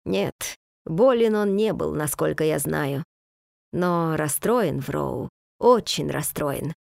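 A woman voicing a weary, gentle husband who speaks slowly in a low, subdued, halting way. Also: lively intonation, vocal fry, no room sound, studio quality, heavily acted. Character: weary, soft-spoken husband, gentle, slow.

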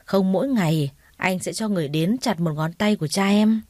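A woman voicing a smug, lecherous male loan shark who makes slow, leering threats in a storybook reading. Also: mid-range voice, warm tone, no echo, clean studio sound, lightly acted. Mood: leering, menacing.

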